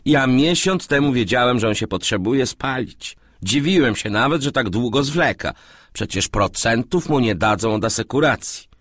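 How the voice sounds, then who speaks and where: A shrewd, scheming businessman as a male reader puts him on. He talks quickly and slyly and scolds his servant. The voice is husky and dry, with a lively pitch. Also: dry recording.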